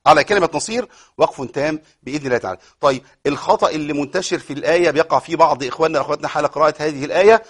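A man with an Egyptian accent teaching Quran recitation rules on a broadcast program, explaining in an informal way and reciting verses slowly. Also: on the high side, slightly rough. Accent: Egyptian Arabic. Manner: explanatory, asks and answers his own questions, recites verses slowly; many fillers and repeated words. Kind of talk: tajweed lesson on a broadcast program.

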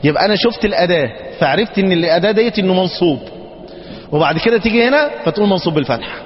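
A man's voice: sits high, lively intonation, rapid-fire. A man with an Egyptian Arabic accent teaching grammar to a class, checking in with them again and again. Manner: checks often with the class, coaxing. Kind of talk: classroom lesson. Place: mosque teaching hall. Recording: dull sound, long reverb in a hall, faint noise.

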